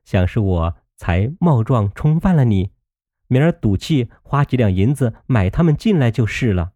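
Male reader voicing a soft-spoken, sharp-tongued young maid; low, mellow, animated. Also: moderate pace, dry recording. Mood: gentle, teasing. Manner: coaxing, teasing, reproachful.

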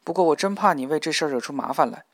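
A man voicing a gentle, anxious young woman in an audiobook, speaking softly and pleadingly. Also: fairly high pitch, very fast, dry recording, clean studio sound, natural voice.

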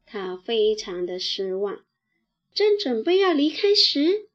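Brief: gentle female children's storyteller, high-pitched, unhurried, lo-fi recording. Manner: slow, gentle, lively storytelling. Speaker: teacher telling children's stories. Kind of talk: bedtime story narration for children.

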